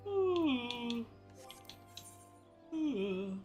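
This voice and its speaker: Hosting a live gaming stream, a woman rambles conversationally with viewers in a high-ish, sing-song voice, drawing out her words in an expressive, casual way. The recording sounds muffled, with music behind her voice.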